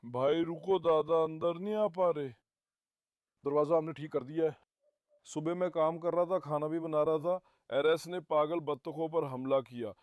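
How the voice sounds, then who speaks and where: A man's voice: a little high, a little mellow, no room sound, studio quality. Affectionate man chatting to his farm dogs. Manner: affectionate, coos at his dogs and calls them his lions. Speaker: farm pet vlogger. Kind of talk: casual vlog talk to camera. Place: outdoors on a farm.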